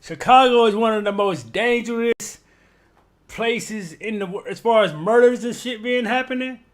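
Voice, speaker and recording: A man's voice: very high voice, moderate pace. A man hosting a reaction video, talking in slangy, rambling, emphatic casual commentary.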